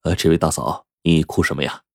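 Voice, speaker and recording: A man voicing an affable wealthy boss of about fifty, smooth and coaxing. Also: extremely low pitch, fairly even intonation, a little fast, a little mellow, dry recording, studio quality, full character voice.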